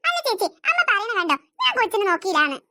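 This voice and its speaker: A woman's voice: very high-pitched, very animated, rapid-fire, background noise. A woman voicing a fretful young mother in a cartoon, complaining about her crying baby. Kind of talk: cartoon dubbing.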